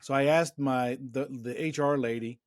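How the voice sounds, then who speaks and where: A man's voice: medium pitch, fairly even intonation, normal speed, no echo, studio quality. A middle-aged man hosting a casual interview, rambling through anecdotes and often restarting his sentences. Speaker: interview host.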